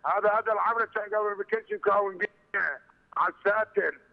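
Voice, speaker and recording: A man from Iraq with an Iraqi accent, calling in on a headset phone, rushing through a heated complaint on an unclear line. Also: sits high, steady tone, vocal fry. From Iraq, Mosul. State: hard to hear on the line. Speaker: caller. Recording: muffled phone line with reverb.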